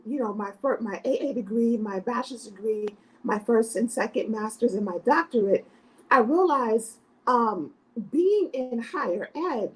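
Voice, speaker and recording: A middle-aged woman educator from South Florida gives an earnest, emphatic podcast interview. Her voice is somewhat high and husky, and she drives her points home with rhetorical "right?" tags. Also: poor audio. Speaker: educator, guest.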